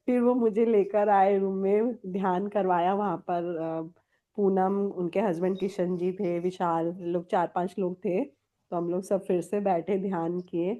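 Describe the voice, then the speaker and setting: Woman, Kolkata, interview guest: warm, mellow tone, candid storyteller who laughs readily. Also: mid-range voice, steady tone, unhurried. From Kolkata, India. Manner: candid storytelling, mixing English words into Hindi, laughs often. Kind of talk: personal testimony in conversation.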